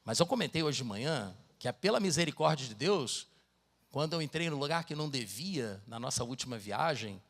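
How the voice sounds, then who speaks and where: A man's voice: medium pitch, animated, a little fast, a bit bright. A middle-aged man with a Brazilian Portuguese accent, preaching a sermon as pastor, mixing personal stories with dramatic Bible reading.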